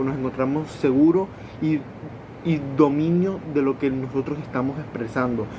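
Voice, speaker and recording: Male student presenting in class, hesitant and repetitive, with traffic rumble audible. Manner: repeats words and restarts while explaining.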